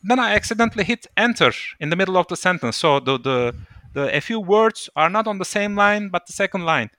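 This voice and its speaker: Bright-voiced man explaining thoughtfully. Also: sits high, fairly quick, dry recording, clean studio sound. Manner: thoughtful, explaining with lively emphasis. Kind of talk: casual discussion.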